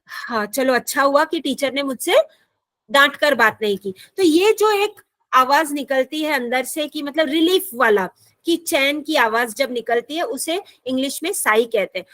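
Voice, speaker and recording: High-voiced patient woman teacher. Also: lively intonation, fairly bright tone, no room sound. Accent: Indian English. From India. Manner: patient, repeats and rephrases often; slows down sharply to read English lines. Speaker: English teacher. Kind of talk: explaining a school English lesson in Hindi.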